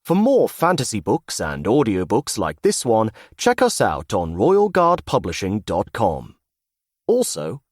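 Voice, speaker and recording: A man narrating a fantasy audiobook in first person with a measured delivery. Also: mid-range voice, no echo, clean studio sound.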